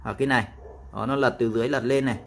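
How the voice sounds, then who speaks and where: A man explaining a phone app step by step in a casual tutorial, with frequent pauses and fillers. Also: mid-range voice, steady tone, vocal fry, fairly bright tone.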